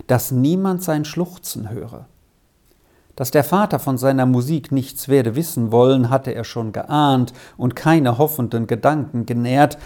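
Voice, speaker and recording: A narrator reading a classic children's story aloud in a calm, measured way. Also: medium pitch.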